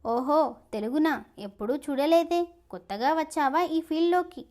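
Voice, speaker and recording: A woman voicing a rough, threatening male police officer. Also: high-pitched, moderate pace, darkish tone, close to an everyday voice. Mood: menacing.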